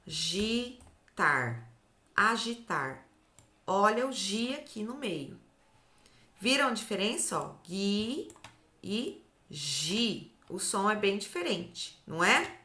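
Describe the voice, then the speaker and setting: Brazilian woman, children's literacy teacher, slow deliberate delivery, echoey room. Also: mid-range voice, very animated, bright, forceful tone. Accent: Brazilian Portuguese. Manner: slow, drawn-out syllables, often ends with "tá?". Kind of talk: slow, clear phonics lesson for children.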